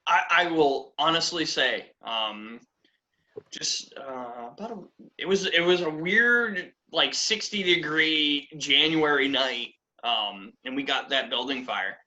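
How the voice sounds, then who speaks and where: A man's voice: takes it slowly, highs cut off. A man from New England hosting a casual podcast chat, swearing freely and acting out quotes in raised voices. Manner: swearing, animated, acts out quotes in high voices. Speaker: podcast host.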